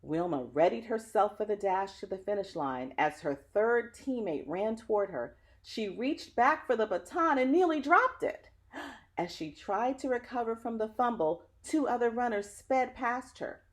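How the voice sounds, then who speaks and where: A slightly high, animated female voice reads a picture book at a moderate pace. She gives it a dramatic, expressive delivery and chats directly with her listeners along the way.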